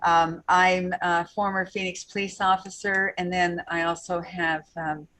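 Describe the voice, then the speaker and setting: Flat-voiced matter-of-fact woman. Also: lowish voice, measured pace. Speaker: council chair. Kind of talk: self-introduction at a virtual meeting.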